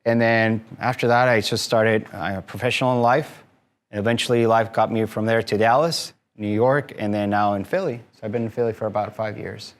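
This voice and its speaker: A Mexican man in his thirties who owns a tour company speaks as a guest to a live audience in a room, friendly and explanatory with frequent fillers. His voice is fairly low in pitch and steady in tone, and he talks a little fast.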